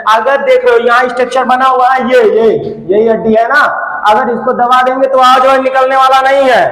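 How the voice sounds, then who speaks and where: A man's voice: very high voice, little pitch movement, brisk, sharp tone. A man teaching a class, asking the students rhetorical questions and repeating each term. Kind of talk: classroom lecture. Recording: echoey room reverb.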